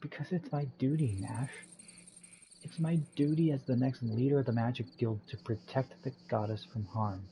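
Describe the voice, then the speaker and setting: A man doing a gentle, resolute young mage woman. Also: mid-range voice, moderate pace, slight background noise, lightly acted, poor audio. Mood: earnest. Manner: calm, earnest.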